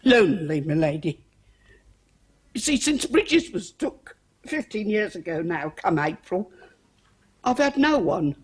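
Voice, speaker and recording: An actress voices an older cook in a period TV drama, a proud, easily offended woman who uses working-class phrasing and becomes tearful and lonely. Her female voice sits low with a sing-song lilt, a measured pace, long pauses and a breathy edge, all in a full character voice.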